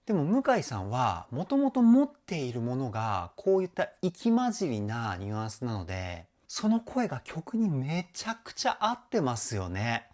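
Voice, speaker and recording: Lively, animated male vocal coach. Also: medium pitch, normal speed, few pauses. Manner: enthusiastic, admiring, explains technique step by step. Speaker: vocal coach and YouTube host. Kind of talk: voice analysis reaction commentary.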